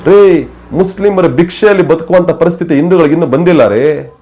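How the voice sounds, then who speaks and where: A man with a fairly high-pitched voice gives heated political commentary. He scolds his listeners in a fiery tone and fires off one rhetorical question after another. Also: fairly quick, dark tone. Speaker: news commentator.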